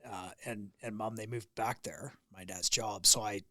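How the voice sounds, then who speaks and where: A man's voice: on the low side, fairly even intonation, normal speed, pushed and bright, dry recording, studio quality. A man in a casual podcast chat who talks bluntly and swears casually. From Alberta, Canada.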